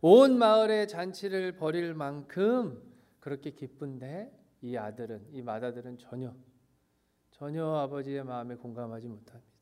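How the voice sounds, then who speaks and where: A man's voice: mid-range voice, expressive, moderate pace, darkish tone. A man preaching a sermon as a pastor, asking the congregation questions and answering them himself.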